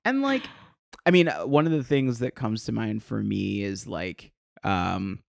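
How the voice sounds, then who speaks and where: A man's voice: fairly low pitch, a little slow, vocal fry, no room sound, studio quality. A man co-hosting a casual podcast chat, talking in a jokey way with many fillers. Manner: animated, filler-heavy, jokey. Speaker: podcast co-host.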